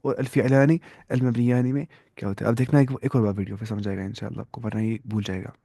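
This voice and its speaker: A man's voice: mid-range voice, fairly even intonation, quick pace, creaky, mellow, no room sound. Male grammar teacher, patient, drills forms aloud, dry close sound. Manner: patient, asks rhetorical questions and answers them. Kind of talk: explaining grammar rules step by step.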